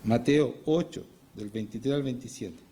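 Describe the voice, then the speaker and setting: A man's voice: mid-range voice, normal speed, warm tone, slight background noise. A man preaching a Sunday sermon in church, often putting rhetorical questions to his congregation. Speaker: pastor. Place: church service.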